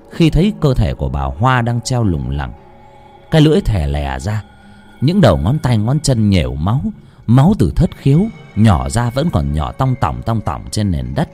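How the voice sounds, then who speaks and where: Faint music sits behind a man telling a ghost story with theatrical suspense, a piece of dramatic horror narration. His voice is lowish and dark, with big pitch swings and a moderate pace.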